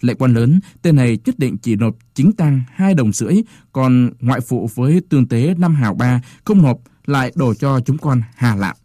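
A man's voice: mid-range voice, lively intonation, moderate pace, few pauses, dark tone, no room sound, clean studio sound, lightly acted. Brief: scheming village chief, bowing and scraping, then nasty, voiced by a male storyteller. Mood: fawning. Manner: obsequious to superiors, spiteful.

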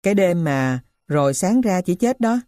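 A woman's voice: on the low side, expressive, moderate pace, dark tone, no room sound, studio quality, natural voice. A woman voicing a poor runaway boy grieving his dead sister, in an earnest, confiding way. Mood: sorrowful.

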